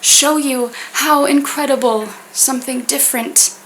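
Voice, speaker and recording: A woman with a high voice recites a spoken word piece. Her delivery is earnest and deliberate, shaped in short poetic phrases. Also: fairly even intonation, fairly bright tone, a little hiss or hum, poor audio.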